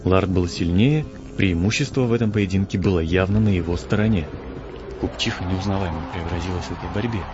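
A male narrator with a fairly low voice reads a fantasy story in the first person, lively and theatrical. The recording is dull and lo-fi, with clear music playing behind him. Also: a little fast. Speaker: audiobook narrator. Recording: dull lo-fi audio with strong background music.

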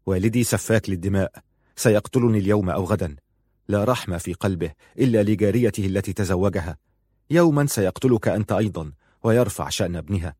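A rebellious young son shouts his defiance, as a male narrator plays him. He sounds loud, harsh and unhinged. This storybook figure spits out his words. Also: on the low side, fast talker, dry recording, clean studio sound, close to an everyday voice. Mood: defiant.

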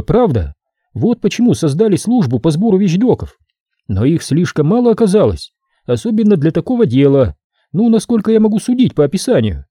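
A man's voice: sits high, warm tone, slightly rough, no echo, clean studio sound, voice pushed up, exaggerated voice. A male audiobook reader voicing a chatty, cheerfully pushy female evidence-collection worker. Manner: brisk, talkative, cheerfully pushy. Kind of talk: audiobook character voice.

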